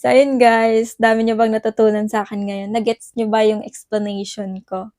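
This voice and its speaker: A woman hosting a casual language lesson vlog, laughing often and repeating words slowly. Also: on the high side, little pitch movement, a little mellow, no echo, studio quality. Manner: cheerful, laughs often, slow repetition of words. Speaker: vlogger teaching Ilonggo phrases.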